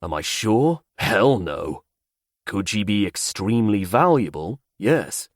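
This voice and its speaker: A man narrating a fantasy audiobook in first person with a measured delivery. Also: fairly low pitch, sing-song, no room sound, studio quality.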